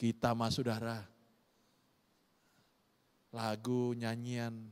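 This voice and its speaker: Animated Malaysian man preaching in reverb. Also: mid-range voice, very slow, smooth. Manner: animated preaching with sudden loud shouted rises; often addresses listeners as "saudara". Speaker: pastor. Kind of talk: sermon.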